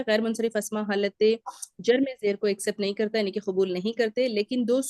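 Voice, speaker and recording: A woman's voice: medium pitch, darkish tone, no room sound, clean studio sound. A woman teaching an Arabic grammar lecture, explaining step by step, drilling word endings aloud and checking in often with short confirmations.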